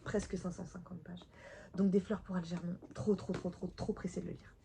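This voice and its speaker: A woman's voice: on the low side, flat delivery, a little fast, gravelly, warm tone, slight background noise. A woman, probably in her thirties, chatting enthusiastically about her reading pile into a camera at home, with whispered asides. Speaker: book vlogger. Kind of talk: casual book haul chat. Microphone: camera mic.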